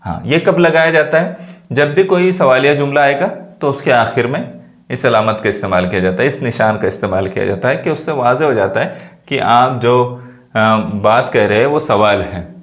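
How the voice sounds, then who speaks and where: A man teaching a grammar lesson, explaining slowly and checking often that students follow. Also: medium pitch. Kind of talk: classroom lesson.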